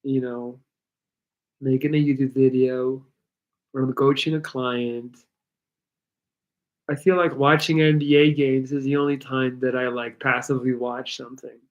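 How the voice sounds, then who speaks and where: Answering viewer questions on a livestream, this host, a native Dutch speaker, talks casually in English, rambling a bit and reading chat messages out loud, with some sounds articulated slightly differently. His medium-pitched voice is a little slow with frequent pauses, and the audio is dull.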